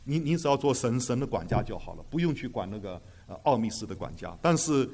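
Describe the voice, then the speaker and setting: A man's voice: mid-range voice, sing-song, fast, creaky, a little mellow. A man teaching a Bible class, emphatic, asking rhetorical questions and hesitating often with fillers, dropping English terms into his talk. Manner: drops English terms into speech.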